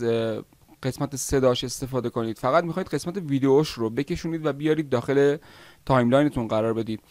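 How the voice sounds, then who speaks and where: A man teaching video editing software step by step in a screen-recorded tutorial, pausing often with "uh" as he explains. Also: medium pitch, no echo. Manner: step-by-step explaining, with frequent "uh" pauses.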